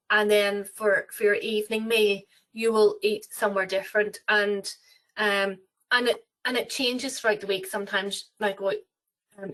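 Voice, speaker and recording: This Irish-accented woman represents a travel company and discusses cruises during a webinar interview. Her mid-range, fairly bright voice wanders through many fillers and false starts, captured on a rough recording.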